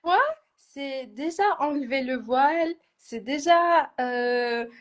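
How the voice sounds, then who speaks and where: A woman of Moroccan family raised in Italy, speaking French as a coaching participant, hesitant and halting, restarting her phrases. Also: sits high. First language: Italian or Arabic. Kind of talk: personal conversation.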